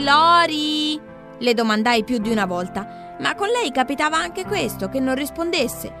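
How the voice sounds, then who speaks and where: Woman reading a children's story. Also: on the high side. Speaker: narrator.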